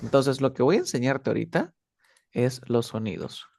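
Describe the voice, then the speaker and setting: A man's voice: mid-range voice, expressive, normal speed, vocal fry, a little mellow, no echo, clean studio sound. A man teaching an English lesson in a patient, casual way, often checking that he is understood.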